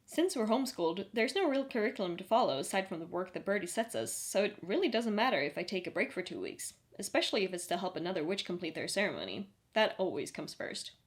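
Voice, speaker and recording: A woman's voice: medium pitch, big pitch swings, fast, few pauses, lightly acted. A woman voicing a blunt, exasperated young witch cousin who talks sarcastically. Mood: bored.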